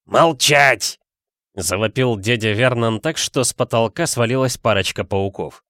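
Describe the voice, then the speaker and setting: A man reading a storybook aloud as narrator, in a steady storytelling way. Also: on the low side, moderate pace, no room sound, studio quality. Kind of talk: audiobook narration.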